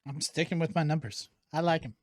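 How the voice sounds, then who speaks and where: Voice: mid-range voice, a little fast, dry recording, studio quality. A co-host on a casual whiskey tasting show, easygoing and playful while giving scores.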